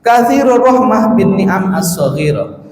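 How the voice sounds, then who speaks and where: A man's voice: sits high, very animated, a little slow, darkish tone. A man with a Javanese accent teaching a religious class, explaining patiently and repeating key terms as he translates Arabic phrases. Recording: echoey hall with long reverb.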